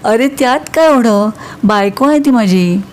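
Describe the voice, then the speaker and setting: A woman's voice: on the high side, expressive, normal speed, slight background noise, lightly acted. A woman reading as a cool, evasive young man. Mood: matter-of-fact. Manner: cool, matter-of-fact.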